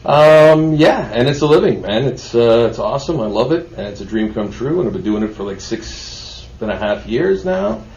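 A man talking as a relaxed studio guest on a radio show, laughing easily and using many fillers. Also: medium pitch, moderate pace, few pauses, recorded from a distance. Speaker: guest artist. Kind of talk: casual radio interview. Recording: dull roomy studio sound.

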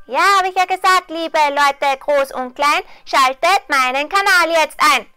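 A performer voicing a playful, teasing cartoon tomcat who chatters quickly, with a lilt. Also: steady tone, soft background music. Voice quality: high, bright cat voice.

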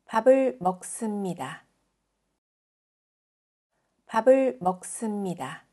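A South Korean woman teaching language reads example sentences with careful, deliberate enunciation. Her mid-range voice is dark in tone yet animated.

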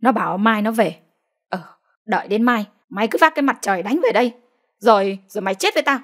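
Woman narrator putting on an elderly village grandma, high, quick, sharp-tongued; audio storybook. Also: expressive, slightly rough. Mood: furious. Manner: scolding, frantic, rapid-fire.

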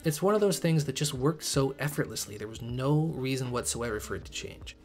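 A young native English speaker narrates a scripted video essay reviewing a game, sounding critical, emphatic and now and then sarcastic. His mid-range voice is animated and brisk, with faint music behind him.

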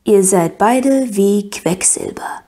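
Woman doing an easygoing bearded prince in an audiobook, slow and amused. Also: medium pitch, expressive, mellow. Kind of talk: audiobook reading.

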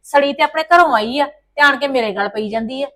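A woman playing a complaining, sharp-tongued daughter-in-law in a family drama. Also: sits high, brisk. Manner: complaining, sarcastic, mutters asides.

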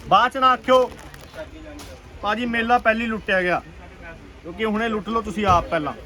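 A man with a Punjabi accent giving an urgent, repetitive, enthusiastic sales pitch as a shop seller on an online video. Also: steady tone, a little fast, bright, forceful tone. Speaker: clothing shop seller presenting stock. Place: busy clothing shop.

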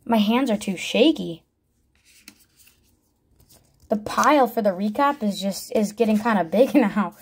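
A woman vlogger opens trading card packs, her medium-pitched voice animated and a little breathy. She moves at a measured pace with long pauses, naming each card in short bursts and thinking aloud in between in casual unboxing chatter.

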